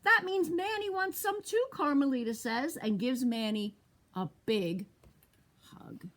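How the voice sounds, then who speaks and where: A woman with a fairly high, slightly slow voice reads a picture book aloud to young children during storytime. She's a librarian, and she reads animatedly, pausing to ask the kids questions as she goes.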